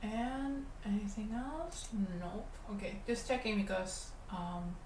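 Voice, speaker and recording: An animator from Catalonia, Spain, streams her work and talks to chat in a relaxed, rambling way while drawing. Her voice is mid-range and slow, with a Spanish Catalan accent. The animation studio room sounds roomy, and a faint hum sits in the background.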